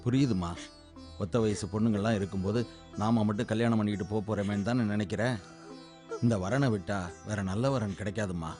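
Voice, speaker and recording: Guy playing a jolly dad, laughs a lot, calming tone, tv serial. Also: lowish voice, brisk, soft background music, lightly acted. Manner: jovial, laughs often, soothing with his daughter. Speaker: bride's father. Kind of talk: TV serial acting.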